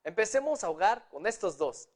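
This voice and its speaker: A man's voice: high voice, sing-song, normal speed. A man teaching a lesson, patiently spelling out syllables one at a time. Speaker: Japanese teacher. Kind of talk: online language lesson.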